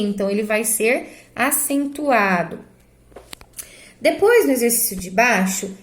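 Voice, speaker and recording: A woman's voice: fairly high pitch, reverberant. A Brazilian woman teaching a grammar lesson, explaining step by step and asking herself rhetorical questions. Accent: Brazilian Portuguese. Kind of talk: grammar lesson correcting exercises.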